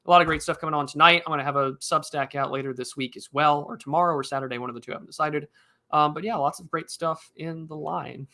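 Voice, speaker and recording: Man, podcast co-host, loose and jokey, bright, slightly higher pitch. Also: fairly even intonation, fast. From United States. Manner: rambling, joking, many fillers and restarts. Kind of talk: casual chat.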